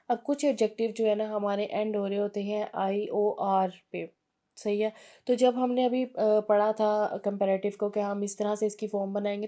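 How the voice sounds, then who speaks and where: Patient grammar teacher, a woman; slow, warm, spells words out. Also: mid-range voice. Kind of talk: explaining grammar rules, reading English rules out slowly.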